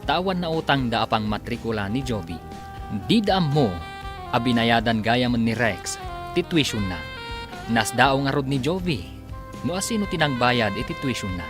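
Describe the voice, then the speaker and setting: Serving as announcer for a radio drama, a man with a Filipino accent reads dramatic scripted narration over a music bed. His voice is mid-range and expressive, delivered at normal speed.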